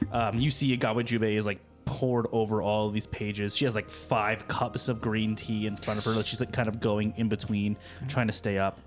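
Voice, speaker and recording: Guy gm-ing a tabletop game, lowish voice, rambly with lots of um and like. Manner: loose, filler-heavy scene narration. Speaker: game master.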